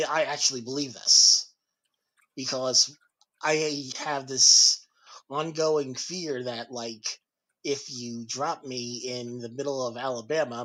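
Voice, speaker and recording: Slow, bright-voiced hesitant man. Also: medium pitch, low-quality recording. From New Jersey, USA. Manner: hesitant, self-doubting, laughs often. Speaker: podcast host being interviewed. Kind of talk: casual chat.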